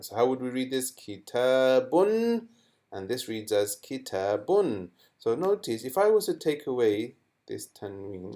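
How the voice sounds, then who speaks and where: A man teaching children a lesson in a playful, animated way, asking questions and making sound effects. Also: on the low side.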